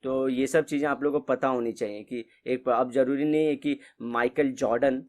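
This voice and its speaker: A man's voice: medium pitch, fairly even intonation, normal speed. A man teaching a class in a casual, conversational way, mixing English phrases into his explanations. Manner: conversational, mixes English phrases, repeats ठीक है.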